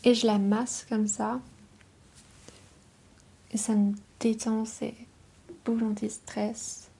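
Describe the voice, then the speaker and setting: A woman speaking softly in an ASMR style, drifting into whispers, her voice hoarse and husky from a cold, with a gentle, unhurried manner. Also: on the high side, little pitch movement, low-quality recording. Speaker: ASMR video host.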